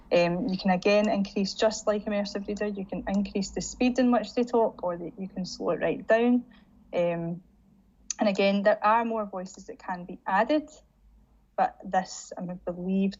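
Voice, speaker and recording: A woman with a fairly low voice walks teachers through a screen-shared tutorial in a relaxed, chatty way, leaning on filler words as she clicks. The sound is dull and lo-fi, picked up by a computer mic, with a faint hiss underneath. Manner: chatty, leans on "again" and "um" as she demonstrates. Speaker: digital learning trainer.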